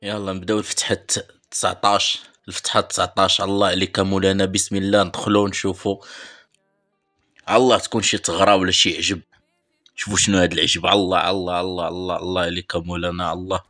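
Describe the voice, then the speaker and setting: Fast-talking Moroccan man opening game packs. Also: low voice, level tone, bright, forceful tone. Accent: Moroccan Arabic. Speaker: mobile football game channel host. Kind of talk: live pack-opening commentary.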